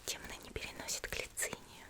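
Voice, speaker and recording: Whispering softly in her natural voice, a woman takes on the role of a small, graceful and gentle demon slayer for an ASMR roleplay. Her manner is reassuring and unhurried, with a calm, confiding mood.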